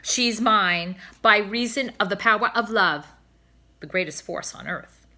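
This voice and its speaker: A woman's voice: mid-range voice, a little slow, pushed and bright. A woman reading Louis, a proud young trumpeter swan. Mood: defiant, resolute. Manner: plain-spoken, resolute.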